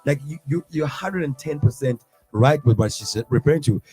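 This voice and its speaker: A man's voice: a little high, expressive, normal speed, mellow, soft background music. A young man with a South African accent hosting a radio breakfast show in casual, rambling chat, full of repeated fillers. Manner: rambling, filler-heavy, repeats "you know what I mean". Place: studio.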